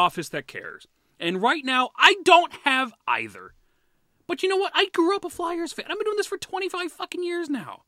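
A man's voice: very high-pitched, pushed and bright, dry recording, studio quality. A man co-hosting a podcast in casual chat, ranting heatedly, swearing freely and laughing often. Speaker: podcast co-host.

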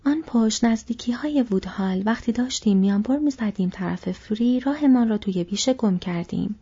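A woman's voice: on the high side, mellow, breathy edge, highs cut off. A woman voicing a cheerful, polite young male hobbit who speaks in an easygoing way. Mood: candid.

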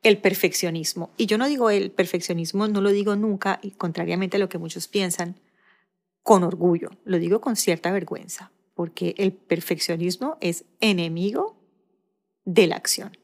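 A middle-aged woman with a Barranquilla Colombian accent hosting a coaching podcast, talking quickly in a conversational style with self-deprecating asides. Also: lowish voice. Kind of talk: solo podcast monologue.

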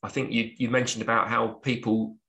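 A man co-hosting a podcast, chiming in with quick wry remarks and follow-up questions. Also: medium pitch, little pitch movement, vocal fry, sharp tone. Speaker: podcast co-host. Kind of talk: casual podcast interview.

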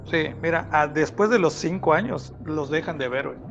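Man, assertive explainer, casual chat, slightly high pitch, muffled lo-fi sound with faint music. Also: moderate pace, creaky. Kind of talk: casual conversation.

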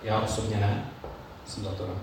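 Male preacher, measured sermon delivery, distant mic in a booming hall with a little ambience. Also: little pitch movement, slight background noise. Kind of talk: sermon with Bible reading. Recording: very echoey room, mic far off, faint ambience.

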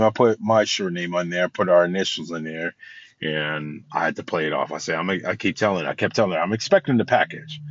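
Male podcast host, deep and earnest, meandering delivery, dry close recording. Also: fairly bright tone, no room sound, muffled recording. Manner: rambling, heartfelt, many restarts. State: tired. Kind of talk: casual motivational talk.

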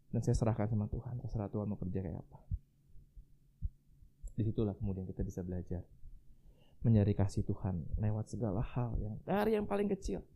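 A man preaching a sermon in a conversational way, often turning to his listeners as friends. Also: mid-range voice. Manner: conversational, addresses listeners as friends, tags lines with "gitu ya". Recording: tinny phone-like sound.

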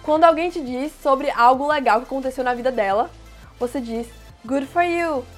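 A woman teaching everyday English phrases, explaining plainly and repeating each phrase slowly. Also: high-pitched, fairly even intonation, soft background music. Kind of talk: casual language lesson.

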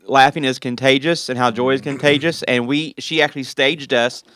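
A man's voice: mid-range voice, steady tone, fairly quick, a bit bright, no echo. A man hosting a casual podcast chat with his team, laughing often and restarting his sentences. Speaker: podcast host.

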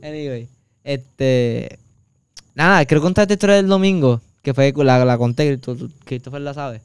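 A man's voice: medium pitch, normal speed, clear, resonant tone, dry recording, clean studio sound. A man from Puerto Rico with a Puerto Rican accent, telling a long casual story on a podcast, full of fillers and crude slang. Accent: Puerto Rican Spanish. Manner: rambling anecdotes with many fillers and crude slang. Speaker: podcast co-host.

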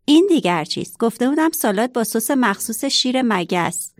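A woman's voice: on the high side, animated, no room sound, clean studio sound, lightly acted. A woman voicing a pompous, bad-tempered lion king in a children's story, roaring and bossy. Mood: angry.

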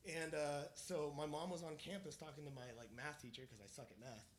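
A man's voice: fairly high pitch, fairly even intonation, fairly quick, a crowd in the background. A man casually recounting a personal story in conversation, rambling with many fillers and restarts.

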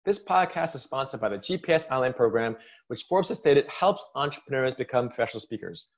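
A man's voice: mid-range voice, expressive, a little fast, lo-fi sound. A man hosting a podcast, introducing his guest with upbeat enthusiasm. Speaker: podcast host.

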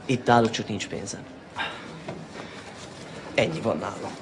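An actor playing a broke man in a film who calmly stalls a colleague's pay. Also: lowish voice, slight background noise, close to an everyday voice. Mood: placating. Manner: calm, evasive, placating. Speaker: film character.

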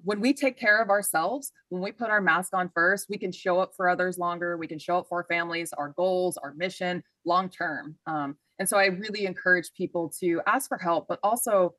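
A woman with a fairly low voice gives explanatory interview answers. She sounds earnest and encouraging, in a very dry recording with little room sound. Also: fairly bright tone, no room sound, poor audio. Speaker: guest, mental health clinician.

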